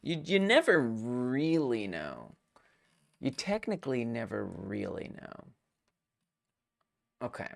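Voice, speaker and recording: A young adult woman hosting a game jam stream, chatting casually in an excitable, self-mocking way. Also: extremely low pitch, slow pace, vocal fry, pauses often. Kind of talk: casual live-stream chat.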